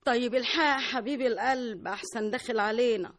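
An actress playing a gossipy, resentful Egyptian salon worker in a radio drama, quick to exclaim. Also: female voice, a little high, lightly acted. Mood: alarmed. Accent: Egyptian Arabic. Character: gossipy resentful woman coworker, easily alarmed.

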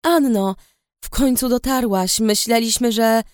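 A woman's voice: a little high, measured pace, a little mellow, smooth, no echo, clean studio sound, lightly acted. A woman voicing a young male palace guard, earnest and grim, in an audiobook reading.

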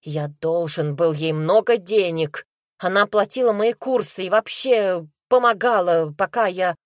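A woman's voice: lowish voice, measured pace, no echo, studio quality, natural voice. A woman reading an audiobook, voicing a frightened young man under suspicion who speaks in a broken, pleading way. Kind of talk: audiobook character voice.

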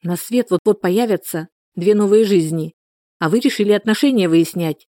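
Woman reader voicing a firm, instructive birth helper, dark and dry. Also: mid-range voice, normal speed, dry recording, natural voice. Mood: scolding. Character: calm, bossy young woman helping at a birth. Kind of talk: audiobook character voice.

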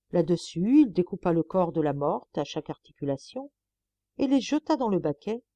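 Expressive woman reading a fairy tale. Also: on the low side, no echo. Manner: expressive, animated. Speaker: audiobook reader. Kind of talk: storybook narration.

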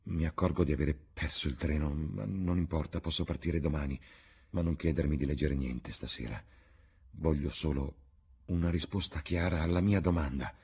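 A man's voice: rumbling low, moderate pace, darkish tone, slightly rough, full character voice. A man reading the part of a troubled painter confronting his friend in an audiobook, earnest and pleading. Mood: weary. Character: grave, troubled painter, older male friend.

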